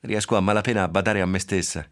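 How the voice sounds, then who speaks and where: A man's voice: deep voice, fairly even intonation, quick pace, a bit bright. A man reading aloud, voicing a distraught young mother who pleads in a raised, strained voice. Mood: desperate.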